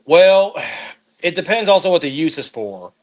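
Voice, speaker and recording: Calm man giving practical advice. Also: high voice, normal speed, rough recording. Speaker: guest on the call. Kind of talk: casual chat on a video call. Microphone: video call.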